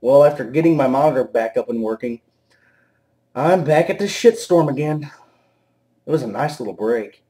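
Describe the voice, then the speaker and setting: A man's voice: mid-range voice, expressive, normal speed, long pauses, mellow. A man reviewing a wrestling show in an angry, profane and sarcastic rant. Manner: exasperated and profane. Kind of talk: angry ranting commentary.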